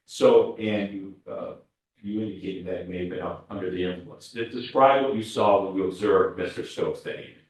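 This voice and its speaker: A lower-voiced man examines a witness in a courtroom recording, his halting questions full of restarts. He sounds far from the microphone, and the room rings with heavy echo. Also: a little mellow. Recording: very echoey courtroom audio from far off.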